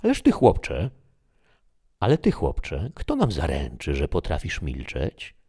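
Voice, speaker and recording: A wild, vengeful woman with a dagger from an old tale, loud and threatening , as a man puts her on. His husky, very deep voice is pushed higher and louder for her. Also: wildly swooping pitch, takes it slowly, heavily acted. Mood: stern. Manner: raging, threatening outbursts.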